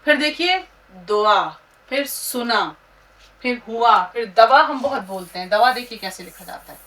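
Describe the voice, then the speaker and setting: A woman teaching how to write and pronounce words, spelling out letters and syllables slowly and reciting couplets. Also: fairly high pitch, animated, a bit bright. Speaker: Urdu teacher. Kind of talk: slow script-writing lesson. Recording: distant mic with faint room noise.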